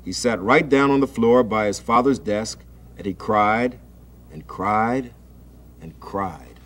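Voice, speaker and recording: A man hosting a children's TV show, gently and expressively reading a story aloud to children. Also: on the low side, slow pace. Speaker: children's TV host.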